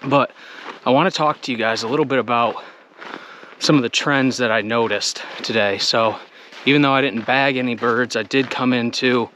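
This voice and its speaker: A man's voice: mid-range voice, normal speed, pushed and bright, slight background noise. A man narrating a day of hunting while walking through hilly woods outdoors, talking to the camera and slightly out of breath. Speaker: hunting vlogger.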